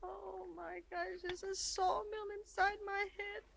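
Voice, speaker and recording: High-voiced, melodramatic screwball comedy heroine, American. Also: female voice, flat delivery, measured pace, vocal fry, a bit bright, heavily acted. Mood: groaning, miserable. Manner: theatrical, plaintive, exclaiming. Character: melodramatic, hungover young woman wracked by guilt. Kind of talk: 1930s screwball comedy banter, film acting.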